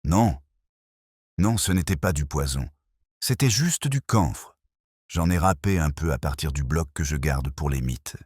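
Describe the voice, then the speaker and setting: Man reading a frightened guilty village woman, pleading and halting, storybook audio, dry and close. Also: a bass voice, lively intonation, darkish tone, husky, no echo, exaggerated voice.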